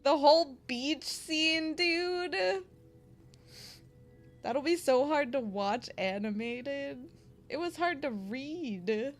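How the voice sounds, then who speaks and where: A young woman streamer chats casually with her audience, leaning on slang and filler words. She talks at an unhurried pace, and faint music plays behind her. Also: high-pitched, lively intonation. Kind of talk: casual chat with stream viewers.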